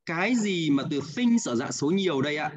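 This man teaches English online with a Hanoi accent, speaking briskly in a fairly high, expressive voice. He takes students through exercises, patiently repeating answers, checking in with them, and ending on "đúng không ạ?".

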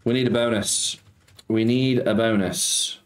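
Chatty streamer, echoey room. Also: male voice, on the low side, fairly even intonation, measured pace. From Nottingham, England. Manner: chatty, reads viewer messages aloud and greets them, cheeky banter. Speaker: slots streamer. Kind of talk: casual live-stream chat. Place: home streaming room, indoors. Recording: echoey room, faint background music.

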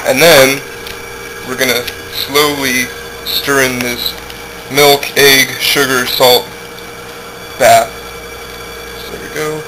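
In his kitchen, a young man demonstrates home cooking, speaking slowly in a steady, medium-pitched voice and pausing often. He talks while working, jokey and offhand. The noisy audio comes from a camera mic a few feet away.

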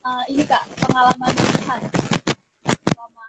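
A woman's voice: high voice, level tone, moderate pace. A woman interviewing over a video call, hesitant with fillers, her audio choppy and cutting out. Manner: hesitant, with fillers and trailing questions. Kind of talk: casual online interview. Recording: dull lo-fi call with faint noise and clicks.

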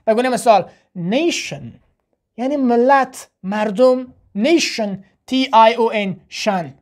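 A woman with an Afghan Dari accent gives a spoken language lesson in a fairly high voice. She goes slowly and says words several times over for drill. She poses questions to her students and answers them herself. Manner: slow, repeats words for drill, asks and answers own questions. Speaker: English teacher.

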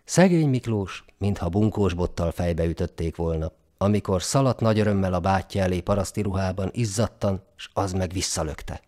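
A man reading a folk tale aloud in a dramatic, expressive storybook narration. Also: low-pitched, hardly any pauses.

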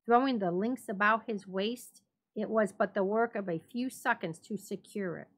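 A woman gives a dramatic reading of a written story. Her pitch sits in the middle range as she narrates from the script. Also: normal speed. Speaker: library staff story reader.

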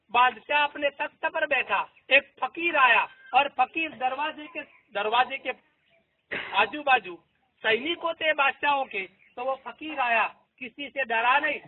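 A man's voice: extremely high pitch, slightly rough. A man telling a moral story as a devotional sermon, repeating key lines for emphasis. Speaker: preacher. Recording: tinny phone-like audio.

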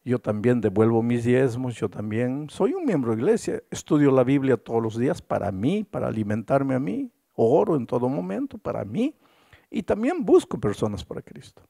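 Pastor guy preaching, voice swings up and down a lot, gravelly and husky. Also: normal speed. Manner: animated storytelling, swooping pitch, rhetorical questions. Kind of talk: storytelling sermon.

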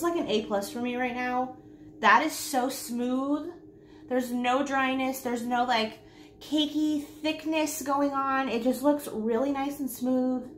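A woman's voice: high voice, fairly bright tone. A woman in her thirties chatting casually through a makeup tutorial as a beauty vlogger, repeating herself for emphasis. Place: small indoor room at home, seen on camera. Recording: roomy home recording with faint noise.

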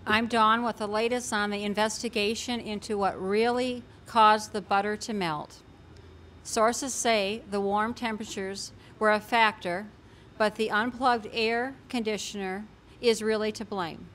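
An older woman reading a mock newscast slowly and carefully at a news desk. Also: on the high side, fairly bright tone, slight background noise. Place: fair news desk set. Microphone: desk mic.

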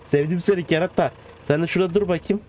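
A man with a fairly high voice banters loosely through a car crash game, teasing and yelling at the vehicles. Clear engine and crash sounds from the game play behind him. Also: fast, slight background noise. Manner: playful slangy banter, shouting at cars. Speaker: gaming channel host. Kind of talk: casual gameplay commentary.

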